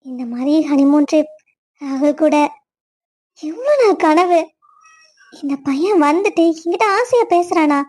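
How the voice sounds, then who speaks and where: A woman voicing a spirited young wife in a cartoon story, talking in a lively, teasing way. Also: high voice, unhurried, pauses often. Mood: wistful.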